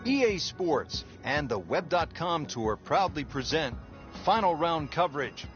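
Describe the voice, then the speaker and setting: A man playing a composed TV golf commentator in a video game, calling play in a measured, polished announcer delivery. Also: on the high side, very animated. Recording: dull game audio with music and crowd.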